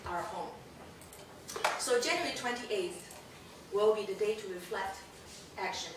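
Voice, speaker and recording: In an echoey indoor hall with a backdrop, a hoarse woman with a mid-range voice, losing her voice, delivers a formal public speech as a community leader and event host. Earnest and emphatic, she gestures animatedly. There's no microphone, just a distant camera, leaving the audio noisy and reverberant.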